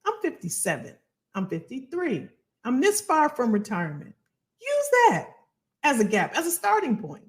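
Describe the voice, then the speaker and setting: Lively, animated woman coaching viewers. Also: high voice, normal speed. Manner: animated, repeats phrases for emphasis, colloquial. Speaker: host, financial coach. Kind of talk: casual livestream talk to viewers.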